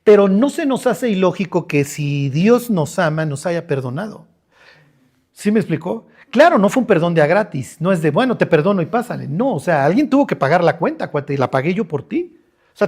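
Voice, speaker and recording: A middle-aged man with a Mexican Spanish accent preaching a lively, conversational sermon, joking and using slang as he acts out scenes. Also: high voice, normal speed, slightly rough. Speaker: pastor.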